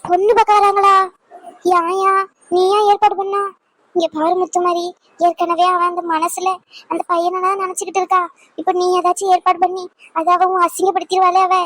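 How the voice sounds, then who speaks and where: A woman's voice: very high-pitched, level tone, normal speed, fairly bright tone, no echo. A woman voicing a fretful middle-aged village mother in a cartoon, lamenting and scolding with emotion. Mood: anxious. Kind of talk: Tamil cartoon voice acting.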